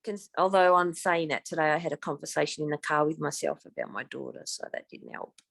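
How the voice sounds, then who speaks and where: Gravelly woman, frank and blunt. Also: deep voice, fast, a bit bright, no room sound. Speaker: support group member. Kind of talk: casual group chat.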